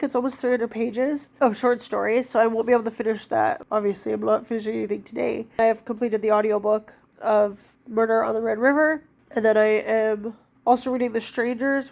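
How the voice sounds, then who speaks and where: A woman in her thirties talks books in a casual, rambling vlog, full of fillers and sounding stuffed up from a cold. Her voice is fairly high with vocal fry, a little fast, and fairly even in intonation.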